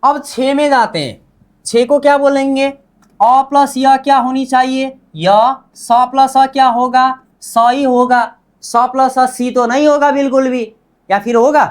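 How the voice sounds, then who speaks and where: A man teaching a Korean lesson, drilling words by repetition and asking and answering his own questions. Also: very high voice. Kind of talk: classroom lesson.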